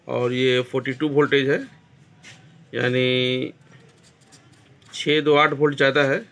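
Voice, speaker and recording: A man with a Bihari Hindi accent calmly explaining a TV repair step by step in a small workshop, filmed on a phone. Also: medium pitch, takes it slowly. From India. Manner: plain, step-by-step explaining, addresses viewers as friends. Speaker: TV repair technician. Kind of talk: repair tutorial narration.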